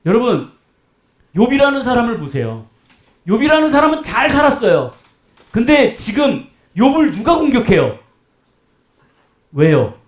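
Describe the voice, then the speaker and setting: A man preaches to his congregation in a high voice that rises and falls. He tells everyday stories and slips into the voices of the people in them. The sound rings around a reverberant church room. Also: a little slow, long pauses. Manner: animated storytelling, acts out quoted voices. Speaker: pastor. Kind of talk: sermon. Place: church hall.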